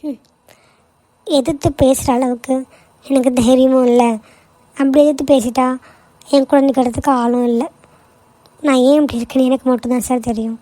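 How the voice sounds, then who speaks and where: A woman's voice: high voice, steady tone, moderate pace, long pauses, mellow, no echo, natural voice, poor audio. A woman voicing a meek young office worker in a cartoon, pleading and apologetic. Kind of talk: cartoon voice acting.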